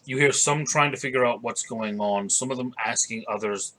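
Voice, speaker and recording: A man's voice: mid-range voice, normal speed, fairly bright tone, low-quality recording. A middle-aged man narrating a tabletop game as game master over a video call from a room at home.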